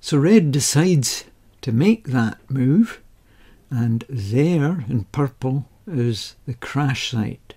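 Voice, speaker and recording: A man speaking at an unhurried, deliberate pace, with a gravelly, husky edge to his voice. His tone is dark and mellow, and he talks in a measured, methodical way with a touch of dry understatement. It sounds like a close-mic voice-over. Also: medium pitch, expressive. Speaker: game rules explainer. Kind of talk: slow explanatory voice-over.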